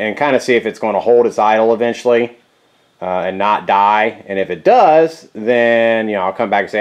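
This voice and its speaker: Casual male garage vlogger, lower voice, easygoing and rambling to camera. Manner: rambling, laid-back, many fillers and restarts. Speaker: garage vlogger fixing scooters. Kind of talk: casual workshop talk to camera. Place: home garage.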